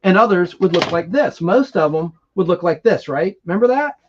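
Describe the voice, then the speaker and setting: A man's voice: sits high, lively intonation, normal speed, highs cut off. A man hosting a casual nostalgic TV live stream, talking in a rambling, enthusiastic, geeky way.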